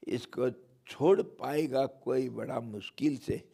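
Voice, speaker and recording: A man giving a spiritual discourse as a swami, explaining in a deliberate, playfully teasing way. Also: medium pitch, gravelly, dark tone, slightly rough. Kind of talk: devotional sermon with storytelling.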